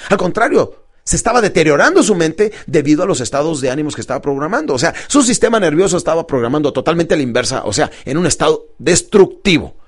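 Husky, animated motivational speaker. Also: male voice, a little high, fast, hardly any pauses. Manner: animated, acts out both sides of dialogues; calls listeners champions. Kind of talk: self-help audio program.

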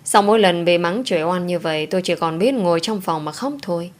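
A woman narrating a first-person story in a calm, measured reading voice. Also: on the low side.

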